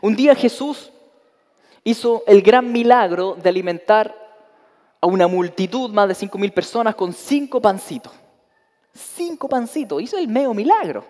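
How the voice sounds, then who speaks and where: A man's voice: sits high, lively intonation, moderate pace, darkish tone. A male pastor preaching a sermon emphatically, asking rhetorical questions. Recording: long reverb of a hall.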